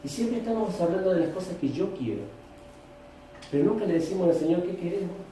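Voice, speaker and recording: Preaching Rioplatense pastor in echoey hall. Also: male voice, sits high. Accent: Rioplatense Spanish. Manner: animated preaching with rhetorical questions to the congregation. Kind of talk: sermon. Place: church hall. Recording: echoey room, distant mic, faint noise.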